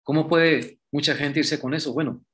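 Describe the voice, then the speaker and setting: A man talks politics in a loose, conversational way, his voice sitting a little high for a man. He keeps tossing in rhetorical questions as he builds his point. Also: fairly even intonation, moderate pace, fairly bright tone. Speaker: political commentator. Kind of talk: casual political talk.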